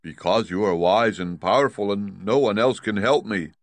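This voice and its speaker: A man's voice: fairly low pitch, moderate pace, dry recording, close to an everyday voice. A man voicing a humble, earnest male scarecrow in a storybook reading.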